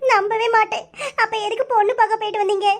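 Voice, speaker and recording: A woman's voice: level tone, fast talker. A woman voicing a tearful, stubborn young village woman in a cartoon, with a Kanyakumari Tamil accent and a pleading, sulky manner. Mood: hurt. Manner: pleading and sulky, high squeaky voice. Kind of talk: cartoon voice acting.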